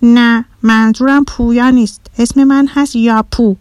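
A woman doing a cheeky little boy, loud and brisk. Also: on the high side, sing-song, no echo. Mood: matter-of-fact. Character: cheeky little boy from a topsy-turvy island.

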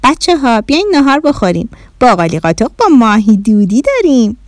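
A woman's voice: mid-range voice, sing-song, no room sound, clean studio sound. A woman voicing a kind mother who speaks in a friendly, lightly teasing way. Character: kind mother, gently surprised.

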